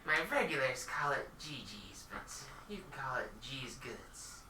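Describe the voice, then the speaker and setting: A man's voice: medium pitch, very animated, a little slow, roomy sound, far from the mic, noisy background. A man voicing a shady shopkeeper in a trench coat, speaking in a sly, whispery way.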